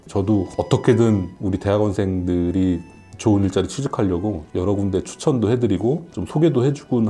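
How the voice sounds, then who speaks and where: A man in his late forties with a fairly low, very mellow voice talks as a professor guest on a radio Q&A. He is candid and self-deprecating, speaking conversationally over background music. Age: late 40s. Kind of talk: casual radio Q&A chat.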